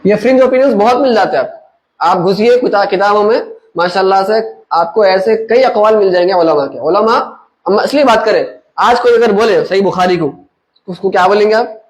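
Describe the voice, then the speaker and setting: A man leads a relaxed religious class, his voice sitting high for a man. He talks things through with homely examples and keeps asking whether his listeners follow. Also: normal speed, rough recording. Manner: explains with everyday examples, checks understanding with listeners. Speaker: religious teacher. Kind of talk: conversational Islamic lesson.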